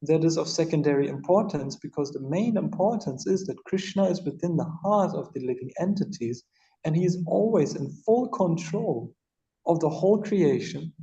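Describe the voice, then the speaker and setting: A man giving an extempore religious discourse as a spiritual teacher, haltingly repeating words, over a muffled online call. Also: on the high side, mellow.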